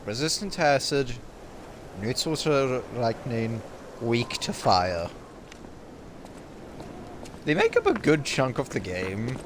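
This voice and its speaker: Male streamer, casual game commentary, expressive pitch, game noise underneath. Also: takes it slowly, pauses often. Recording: game sounds and noise behind voice.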